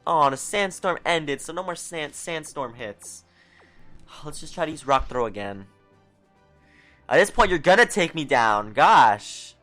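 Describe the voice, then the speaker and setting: New York accent, game commentary, animated swings in pitch, faint music behind. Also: measured pace. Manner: excitable, exasperated running reactions. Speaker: let's player. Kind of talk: video game playthrough commentary.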